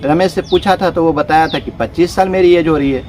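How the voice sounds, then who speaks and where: A man voicing a practical middle-aged widowed mother in a spoken story, measured and questioning, in his own voice. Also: a little high, a little mellow, slight background noise, lightly acted. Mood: wary.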